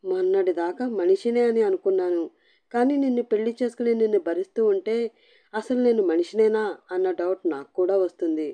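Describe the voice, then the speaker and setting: Woman playing a fed-up young husband, sarcastic, yells a lot, dark warm voice. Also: mid-range voice, a little fast, lightly acted. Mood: exasperated. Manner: teasing, yelling.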